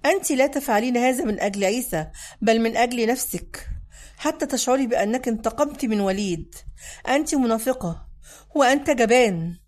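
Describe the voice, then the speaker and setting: A woman's voice: a little high, animated, fairly quick, a little mellow, close to an everyday voice. A woman reading the lines of a stern, domineering middle-aged father in a dramatic audiobook, speaking with scorn and accusation. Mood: scornful.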